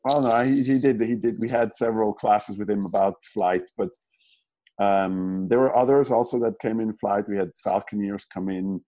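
A man's voice: fairly low pitch, steady tone, moderate pace, dark tone, low-quality recording. A man from German-speaking Switzerland, an animator guest in a casual interview, who talks in a rambling way with many restarts and fillers.

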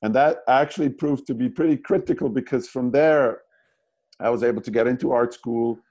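A man's voice: medium pitch, fairly quick, a little mellow, rough recording. A man from German-speaking Switzerland, an animator guest in a casual interview, who talks in a rambling way with many restarts and fillers.

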